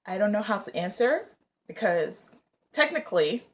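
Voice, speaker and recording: With a medium-pitched, sing-song voice at a moderate pace, this young woman in her twenties rambles through a casual vlog chat full of fillers. Originally from Nigeria and raised in the US, she works as a vlogger and English teacher.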